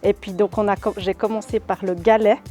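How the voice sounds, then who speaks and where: A woman's voice: mid-range voice, steady tone, fairly quick, warm tone. A woman who makes cheese, explaining her work casually as an interview guest. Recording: music behind the voice.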